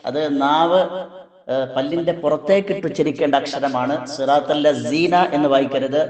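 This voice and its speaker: A man with a Kerala Malayalam accent teaching Quran recitation, explaining sounds slowly and chanting verses in a drawn-out melody. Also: fairly high pitch, a little mellow, reverberant. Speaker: Islamic teacher.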